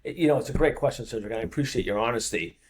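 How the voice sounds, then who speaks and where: Talking very fast in a slightly rough, medium-pitched voice, a Boston-accented man in his fifties chats as a podcast guest. He's a fitness coach, and in this casual talk he leans on repeated phrases for emphasis.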